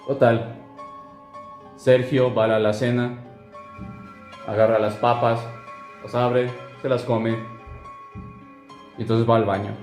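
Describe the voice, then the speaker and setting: A man's voice: mid-range voice, flat delivery, slow, long pauses. A young man telling a horror story in a casual, conversational way, with fillers and asides. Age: young adult. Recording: roomy echo, soft music behind.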